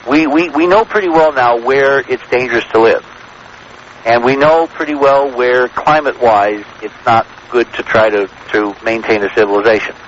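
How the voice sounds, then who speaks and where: A fairly bright, mid-range male voice belongs to an American radio guest who lectures assertively on his theories and checks that they're understood. The interview comes through as a noisy, dull vintage radio broadcast.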